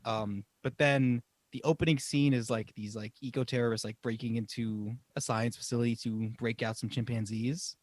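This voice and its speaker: A man's voice: mid-range voice, steady tone, moderate pace, few pauses, dry recording. A young man co-hosting a casual podcast chat, laughing often and swearing freely. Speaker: podcast co-host.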